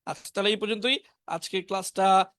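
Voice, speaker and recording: A man with a Bengali accent teaches an online spoken English class, slowly reading out English words and example sentences and giving each meaning. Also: high voice, fairly bright tone, no room sound, clean studio sound. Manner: reads word lists slowly, pairing each English word with its meaning.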